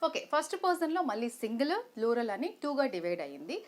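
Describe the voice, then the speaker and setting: A woman's voice: fairly high pitch, very animated, fast, darkish tone. A woman with a Telugu accent teaching an online English grammar lesson, explaining step by step and asking rhetorical questions, switching between Telugu and English.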